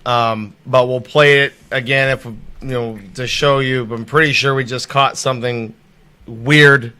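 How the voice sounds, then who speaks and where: Bright-voiced man hosting a casual chat. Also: mid-range voice, unhurried, clean tone. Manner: loose, profane, excitable. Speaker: host.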